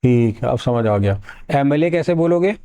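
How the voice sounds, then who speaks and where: A man teaching a grammar lesson for exam preparation, explaining slowly, repeating words and acting out his students' questions. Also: medium pitch, lively intonation, mellow, clear, resonant tone. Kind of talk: exam-prep grammar lecture.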